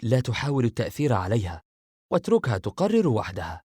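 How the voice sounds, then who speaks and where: Younger brother, defiant and curt; man reading, plain pitch, dry read. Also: very animated, quick pace, darkish tone, breathy edge, no room sound. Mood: irritated. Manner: curt, irritated. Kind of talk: audiobook character reading.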